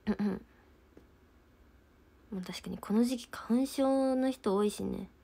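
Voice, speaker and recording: A young woman, congested and nasal from a stuffy nose, chatting casually on a livestream and answering viewers' comments, with soft murmured asides. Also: medium pitch, takes it slowly, gravelly, husky. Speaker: idol livestreamer.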